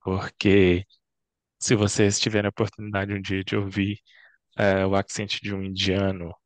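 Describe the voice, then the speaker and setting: A man's voice: low-pitched, completely flat delivery, normal speed, no echo. A man with a Brazilian Portuguese accent hosting an online interview over a video call, talking hesitantly with many fillers. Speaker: host.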